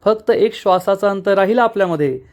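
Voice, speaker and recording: A man voicing a confident young man who woos in a smooth, easy tone. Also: sits high, a little fast, a little mellow, close to an everyday voice. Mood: wooing.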